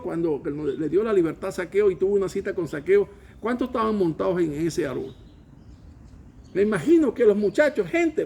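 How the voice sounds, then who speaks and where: A man's voice: sits high, vocal fry, a little mellow, a little hiss or hum. A man preaching a sermon as pastor, emphatic, calling the congregation to repeat after him. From Venezuela. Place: church.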